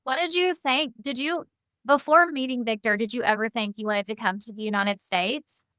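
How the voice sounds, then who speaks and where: Female host, video call; friendly interviewer, slightly high, dry sound. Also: normal speed, bright, forceful tone, no room sound. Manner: friendly, asks questions.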